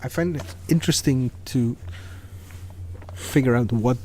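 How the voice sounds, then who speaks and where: A man's voice: mid-range voice, unhurried, dark tone, slight background noise. A man in a mid-range voice co-commentating on a live card game. He chimes in casually with short remarks and questions beside the main caller. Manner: brief interjections, casual.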